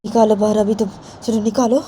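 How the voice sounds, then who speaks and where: A woman doing a gentle, coaxing young mother. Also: medium pitch, level tone, a little fast, slight background noise, natural voice.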